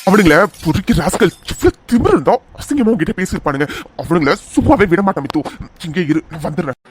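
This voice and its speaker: Man voicing a protective young cartoon hero, urgent, anxious, high and loud. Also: expressive, fast, a little hiss or hum. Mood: angry, soothing. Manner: urgent, pleading, worried. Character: protective young man, caring, hot-tempered. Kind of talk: cartoon voice acting.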